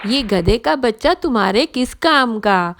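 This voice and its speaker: A woman voicing a scheming male swindler in an audio story, goading slowly. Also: on the high side, expressive, some chatter behind. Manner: slow, goading, louder.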